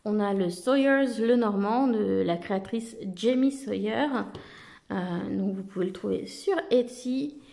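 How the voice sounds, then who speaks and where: Chatty woman with a gravelly edge. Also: medium pitch, unhurried. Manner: relaxed, chatty, many filler words. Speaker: vlogger reviewing oracle card decks. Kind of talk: casual chat to camera.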